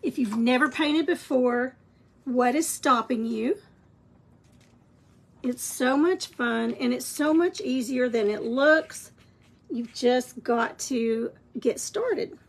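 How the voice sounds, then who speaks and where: Slow and husky, with a high pitch and lively intonation, this woman guides viewers through a live-streamed painting tutorial. She sounds scratchy and clears her throat but remains talkative and encouraging.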